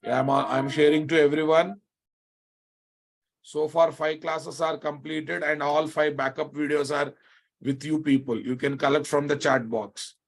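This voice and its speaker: An Indian-accented programming instructor teaches a live online technical class, his slightly high voice flat in delivery and measured in pace. He repeats key phrases and checks regularly that the students are following.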